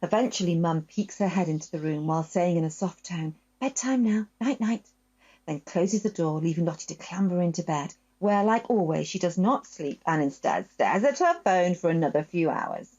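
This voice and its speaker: In a gentle, expressive storytelling voice, a woman reads a children's tale aloud, narrating in first person as a dog. Her voice sits on the low side at a moderate pace, and the recording's highs are cut off.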